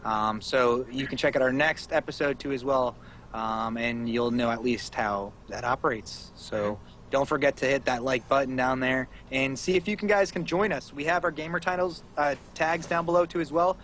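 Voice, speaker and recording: A man's voice: medium pitch, normal speed, fairly bright tone. A man, a podcast co-host, chatting casually over a video call and laughing often as he tells a story. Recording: noisy call audio.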